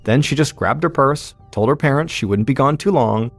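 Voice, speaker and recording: A man hosting a podcast, telling a true-crime story in measured, suspenseful scripted narration. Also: medium pitch, lively intonation, vocal fry, no echo, soft background music. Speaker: podcast host.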